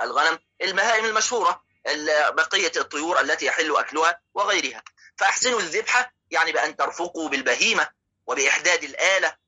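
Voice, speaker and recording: A man's voice: fairly high pitch, pushed and bright, slightly rough, low-quality recording. A man with an Egyptian accent giving a religious lesson on hadith, explaining step by step, asking rhetorical questions and checking that his listeners follow. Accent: Egyptian Arabic. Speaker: religious teacher.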